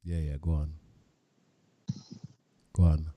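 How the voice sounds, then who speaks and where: A man's voice: rumbling low, flat delivery, takes it slowly, no room sound, muffled recording. A man hosting a live-stream debate, cutting in briefly to steer the talk. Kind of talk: casual debate chat.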